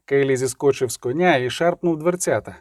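A man reading an audiobook in a measured, expressive narration. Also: mid-range voice, no echo, clean studio sound. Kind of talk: scripted narration.

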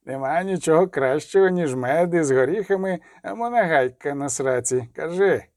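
A man voicing a cold, menacing male interrogator who speaks slowly and curtly. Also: on the high side, expressive, darkish tone, dry recording, studio quality. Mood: mocking. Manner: slow, curt, threatening.

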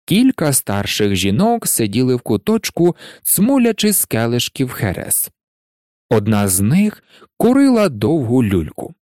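Man, storybook narration, expressive, lively pitch. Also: dry recording, clean studio sound. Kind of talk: audiobook narration.

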